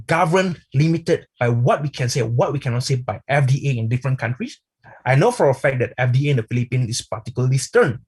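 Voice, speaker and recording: Husky-voiced man giving online product training. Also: fairly high pitch. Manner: chatty, addresses viewers as "my friend".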